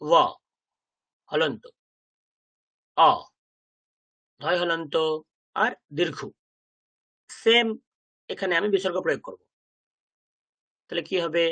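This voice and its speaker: A man teaching a Sanskrit class. He asks the learners questions, then says each pronunciation slowly and repeats it several times. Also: fairly high pitch, pushed and bright. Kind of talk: language class lesson.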